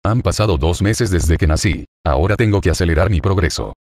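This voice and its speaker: A man voicing a confident young ninja hero in a web novel reading, relaxed and self-assured. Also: low-pitched, brisk, no echo, studio quality.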